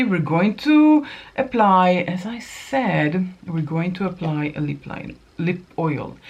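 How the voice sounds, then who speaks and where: A woman's voice: on the low side, creaky. A woman in her fifties hosting a casual makeup tutorial, chatting to viewers and correcting herself as she works. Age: 50s. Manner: chatty, talks to viewers while applying makeup, self-correcting. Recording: dull lo-fi sound.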